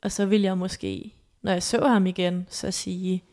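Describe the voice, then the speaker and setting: A woman recounting a painful story as a podcast guest, her voice soft and halting. There is a gravelly fry in her delivery. Her pitch stays narrow and level. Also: level tone. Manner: soft, halting, emotional retelling. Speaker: interview guest. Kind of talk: personal storytelling.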